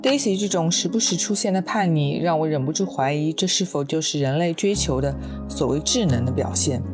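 A woman hosting a narrated podcast, speaking in a reflective, conversational way. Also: on the low side. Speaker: podcast host. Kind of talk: narrated podcast with scripted segments.

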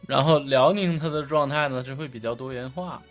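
With soft background music behind him, a mid-range male voice in a Northeastern Chinese accent chats as a podcast co-host. He stumbles through his explanations casually, tending to say the same phrases more than once.

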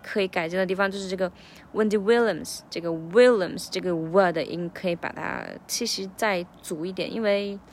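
Woman teacher, thoughtful and self-coaching, slightly low voice. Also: fairly even intonation, a little hiss or hum. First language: Chinese. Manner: reflective, breaks lyrics into slow drills. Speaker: English teacher practicing song lyrics. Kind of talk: casual self-recorded practice vlog.

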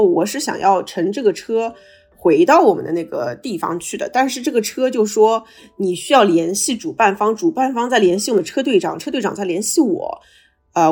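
Podcast host, woman, video call, excitable storyteller with a slight stammer, a bit breathy. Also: medium pitch. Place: travelling abroad, on a video call.

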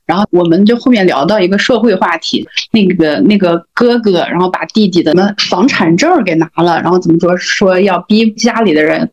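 A woman co-hosting a podcast, telling animated stories and quoting the people she met. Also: lowish voice, a little fast, hardly any pauses. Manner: animated storytelling, quoting others. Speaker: podcast co-host. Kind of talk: casual chat. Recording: dull lo-fi audio.

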